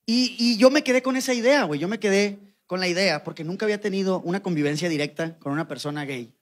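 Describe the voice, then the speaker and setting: A young Mexican comedian tells a long story on stage in a high, bright voice. His delivery is slangy and animated, with quick asides and impressions of the people in his tale. He speaks with a Mexican Spanish accent. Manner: slangy, animated, mimics voices in quoted lines. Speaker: stand-up comedian. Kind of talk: stand-up storytelling. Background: audience laughter.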